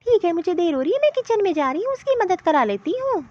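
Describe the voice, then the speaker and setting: A woman's voice: extremely high pitch, big pitch swings, fast talker, dark tone, no room sound, highs cut off. A woman voicing a kindly middle-aged mother-in-law in a cartoon, speaking affectionately. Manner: affectionate, soothing. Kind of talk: Hindi cartoon voice acting.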